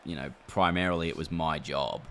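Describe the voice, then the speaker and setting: Male streamer, deep voice, chatty play-by-play over a game, steady background noise. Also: a little fast. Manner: chatty, reacts aloud to the game and answers chat. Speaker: gaming streamer. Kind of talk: casual livestream chat while playing.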